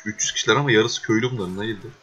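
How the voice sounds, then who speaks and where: A young man giving casual gameplay commentary, swearing and exasperated, with excitable outbursts. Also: on the low side, racing, slightly rough. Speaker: gaming video host. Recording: dull lo-fi recording.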